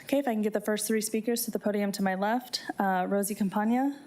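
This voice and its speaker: A woman with a mid-range, slightly mellow voice speaks quickly. She works as a city clerk and reads formal scripted announcements in an official, procedural manner.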